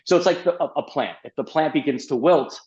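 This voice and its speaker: Animated middle-aged man, slightly dull audio. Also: a little high, brisk. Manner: animated, uses many fillers and "like". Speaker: guest doctor. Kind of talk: podcast interview storytelling.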